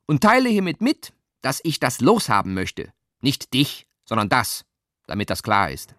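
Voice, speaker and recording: An actor playing a cold, detached man who speaks in a measured, formal way in a radio play. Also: mid-range voice, huge pitch swings, a bit bright, dry recording, clean studio sound.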